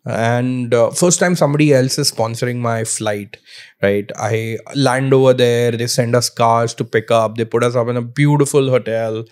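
A man in his thirties with an Indian accent, a podcast guest telling animated stories in casual speech that slips into slang, close on a mic. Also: mid-range voice, normal speed. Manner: animated storyteller mixing English with Hindi slang. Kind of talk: casual conversational storytelling. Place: small furnished living room, indoors. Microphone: podcast microphone on boom arm, close.

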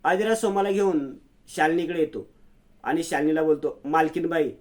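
A man's voice: fairly high pitch, moderate pace. A man narrating a recap of a serial episode in a plain storytelling manner.

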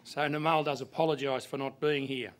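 Speaking fairly quickly in a steady, mid-range voice, this older Australian clerk opens a seminar at a podium microphone in a conference room. His introduction is plain and practical, sprinkled with fillers.

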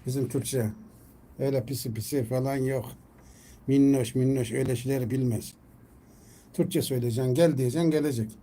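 A man chatting casually on a live stream at home, coaxing his cat to come inside and calling it loudly by name. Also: medium pitch, fairly even intonation, brisk, pauses often.

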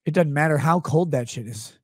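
Male streamer, 30s, high and bouncy delivery, sarcastic tangents, dry close-mic sound. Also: fairly quick, no echo. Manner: sarcastic, rambling, jumps between voices. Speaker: streamer host. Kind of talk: comedic live-stream rant. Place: small home studio room, indoors. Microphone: close studio mic on stand.

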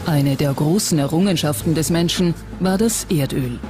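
A documentary narrator reads a scripted text in a factual style, at medium pitch and normal speed. Background music runs beneath the narration.

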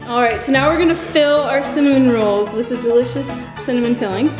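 Speaking at a fairly quick clip with a steady tone and fairly high pitch, a young guest baker cheerfully explains every step of her cooking demonstration. She's in a spacious home kitchen, and the recording carries echo along with background music.

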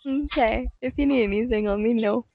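A woman's voice: a little high, fairly quick, gravelly. A woman co-hosting a gaming series, chatting casually while playing and often giggling. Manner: giggly and playful. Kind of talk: casual gameplay chat. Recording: dull lo-fi voice chat audio.

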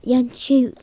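A woman voicing a family of characters in a game role-play, bickering loudly at times and often whispering. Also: dry recording. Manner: switches between squabbling characters, often whispering. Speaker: video creator voicing toy characters.

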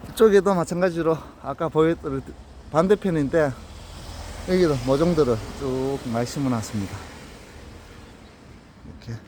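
A man with a Gyeongsang Korean accent, giving an unhurried, casual walkthrough of his plants outdoors and in a greenhouse. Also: fairly high pitch, mellow, slight background noise. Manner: plain, unhurried, pointing things out.

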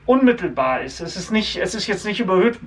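A man's voice: sits high, very animated, fairly quick. A man in his forties chatting animatedly in a comic shop, often chiming in with agreement. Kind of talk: casual chat.

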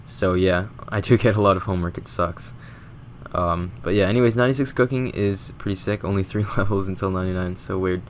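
A man's voice: low-pitched, fairly quick, slight background noise. A man with a stuffy, sick nose, casually rambling through a game commentary voice-over with lots of filler words. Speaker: gaming video host.

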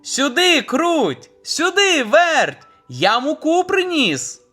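A hardworking, cheerful rooster from a children's storybook, with a high, ringing voice that leaps up and down as he calls out, as a man puts him on. He sounds patient and cheery. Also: wildly swooping pitch, measured pace, bright, forceful tone, soft background music, exaggerated voice. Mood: calling eagerly.

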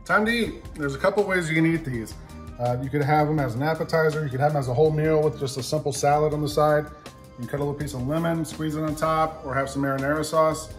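A man in his thirties hosting a home cooking show, explaining each step in a relaxed way as he cooks in his kitchen. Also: on the high side, fast, poor audio. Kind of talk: casual cooking demonstration. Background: background music.

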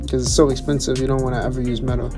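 A young man, a chef and vlogger, casually talking through a restaurant tasting menu with excited repetition and restarts. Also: medium pitch, rapid-fire, music in the background. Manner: enthusiastic, repeats words, restarts.

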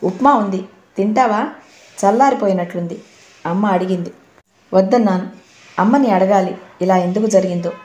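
A woman's voice: mid-range voice, moderate pace, long pauses, a little mellow, reverberant. A woman reading a short story aloud as an audiobook narrator, giving each character's dialogue a small shift of voice.

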